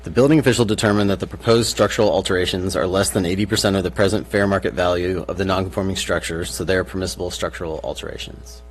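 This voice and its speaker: A man's voice: low voice, fairly even intonation, fast, low-quality recording. A man presenting as city planning staff, formally and methodically reading through technical details. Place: public meeting room. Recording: faint hiss and hum.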